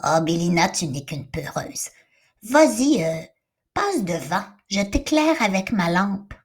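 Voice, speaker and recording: A woman voicing a nervous but proud young boy in a storybook reading, speaking in a lower, hushed, hesitant voice. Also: very animated, takes it slowly, slightly rough, full character voice. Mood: boastful.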